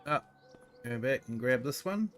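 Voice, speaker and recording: A man's voice: medium pitch, animated, moderate pace, fairly bright tone, slight background noise. A man with a New Zealand accent chatting casually with viewers while streaming a game. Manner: easygoing, chatty, answering viewers. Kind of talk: casual live-stream chat.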